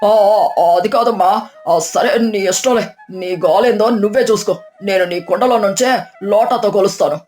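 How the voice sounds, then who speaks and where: A woman voicing a cheating middle-aged male village milk trader who blusters and stammers, with a lower, somewhat different tone. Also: brisk, faint music behind, close to an everyday voice. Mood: flustered. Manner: blustering, then stammering and flustered.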